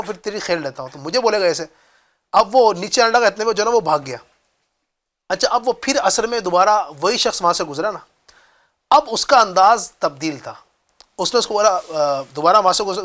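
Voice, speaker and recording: A man recounting a moral tale in an easy conversational way on a religious talk show. His voice is high and bright, and his storytelling comes across as lively and engaged. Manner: storytelling, affirming with short interjections.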